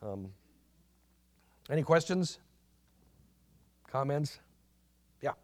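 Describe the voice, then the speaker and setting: Halting, earnest man teaching a church class. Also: fairly high pitch, expressive, darkish tone. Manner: halting, many restarts and fillers, earnest. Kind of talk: informal church history lecture.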